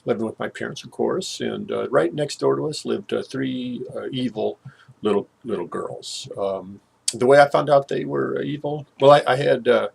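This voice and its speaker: An older man telling a personal story in a halting way, with many fillers and restarts, his voice dropping low at grim moments. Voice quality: gravelly, husky voice.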